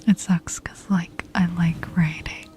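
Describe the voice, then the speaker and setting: An ASMR streamer chats casually with live viewers in a soft, breathy, often whispered lowish voice, close on an ASMR mic. Her manner is a relaxed, slow, intimate murmur, with music playing in the background.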